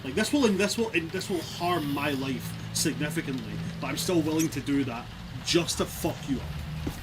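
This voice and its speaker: A man's voice: fairly high pitch, moderate pace, very noisy. A Scottish man casually narrating and chatting as the game master of a tabletop game. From Scotland.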